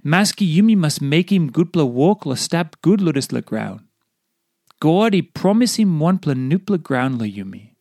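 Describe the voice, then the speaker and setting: Man, Papua New Guinean accent, pidgin devotional reading, slightly high voice, lively swooping intonation, dry sound. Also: moderate pace, no room sound. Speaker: devotional reader.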